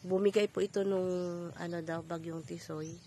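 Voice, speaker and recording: A woman's voice: lowish voice, fairly even intonation, moderate pace, dark tone, a little hiss or hum. A woman vlogger politely narrating on location, explaining what she shows like a tour guide. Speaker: charity vlogger. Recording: crowd chatter in background.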